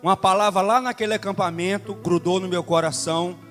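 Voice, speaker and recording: Male pastor, high-pitched and impassioned, repetitive emphatic sermon delivery; echoing church hall, faint music underneath. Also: steady tone, fairly quick, fairly bright tone.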